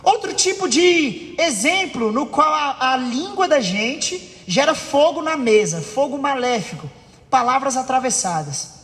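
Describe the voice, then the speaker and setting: A man's voice: extremely high pitch, lively intonation, unhurried, fairly bright tone. A man preaching a sermon in church, acting out family arguments and asking the congregation for agreement. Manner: acts out family quarrels with raised voice. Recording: long reverb of a church hall.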